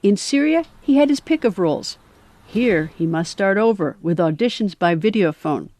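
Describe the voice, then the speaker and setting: A woman reading scripted documentary narration in a measured, even way. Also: medium pitch.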